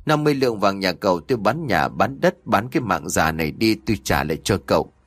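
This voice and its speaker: A distraught old father, once greedy and now full of remorse, scolds and begs by turns. His voice swings widely in pitch, sitting a little low and dry, as a man narrator reads him. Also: big pitch swings, quick pace, no room sound. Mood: pleading. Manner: pleading, scolding.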